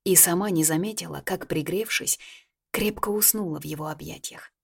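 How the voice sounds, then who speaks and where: A woman reading a first-person novel aloud as an audiobook, lively and expressive. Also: on the low side, moderate pace, gravelly, breathy edge. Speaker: audiobook narrator.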